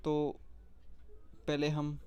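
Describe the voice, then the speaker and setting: Teacher walking thru a lesson, says each letter sound real slow over and over, talks right at you. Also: mid-range voice, completely flat delivery, darkish tone, clear, resonant tone. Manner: drills letter sounds slowly, one at a time; speaks directly to the viewer. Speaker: shorthand teacher. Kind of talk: explanatory lesson.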